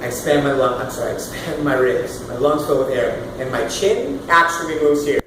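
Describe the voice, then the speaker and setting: A man in his thirties leading a casual singing workshop, loud and animated, swearing now and then and demonstrating sounds as he explains. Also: a little high, fairly quick. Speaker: vocal coach. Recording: roomy, far from the mic, with room noise.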